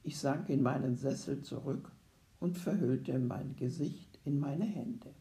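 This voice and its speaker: A narrator giving a first-person literary audiobook reading, expressive and dramatic, often sinking into a hush. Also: medium pitch, a little slow, gravelly, echoey room.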